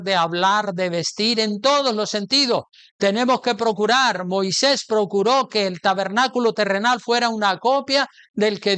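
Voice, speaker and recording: Pastor guy preaching, high clear voice, keeps asking the church questions. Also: fairly bright tone. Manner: emphatic preaching with rhetorical questions. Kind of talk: sermon.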